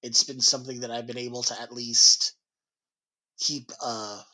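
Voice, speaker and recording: A man's voice: medium pitch, flat delivery, a little slow, sharp tone, rough recording. A man from New Jersey in a casual podcast chat, talking hesitantly, doubting himself and laughing often. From New Jersey, USA. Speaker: podcast host being interviewed.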